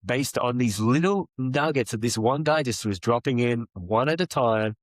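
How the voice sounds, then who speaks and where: A man's voice: medium pitch, moderate pace, dry recording. A man, a guest on a podcast, telling a story in casual chat and acting out the people in it. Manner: animated storyteller who acts out dialogue.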